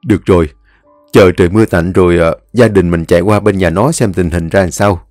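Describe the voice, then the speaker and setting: A man voicing a worried older father who speaks gently and steadily. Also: low voice, fairly even intonation, fairly quick, no room sound, faint music behind, close to an everyday voice. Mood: concerned.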